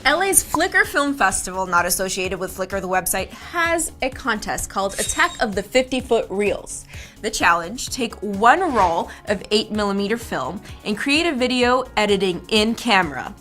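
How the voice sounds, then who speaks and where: Hosting an online video show, a woman delivers scripted, jokey commentary about animation videos, adding wry, playful asides. Her mid-range voice is very animated, bright, and forceful at a moderate pace, with soft music in the background.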